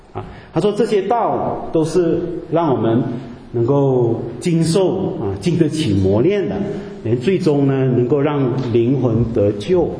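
A man's voice: mid-range voice, warm tone. A man preaching a sermon in a conversational way, explaining scripture and asking his listeners rhetorical questions. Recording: echoey hall with long reverb, faint background noise.

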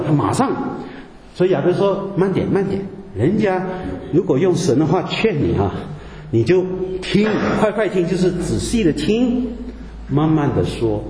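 A man's voice: fairly high pitch, warm tone. A man preaching a sermon in a conversational way, explaining scripture and asking his listeners rhetorical questions. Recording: echoey hall with long reverb, faint background noise.

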